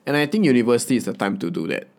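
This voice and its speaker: A man's voice: mid-range voice, lively intonation, rapid-fire, darkish tone. A young man with a Singaporean accent, chatting and advising in colloquial Singlish, tagging phrases with ah, right and okay. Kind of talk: casual advice chat.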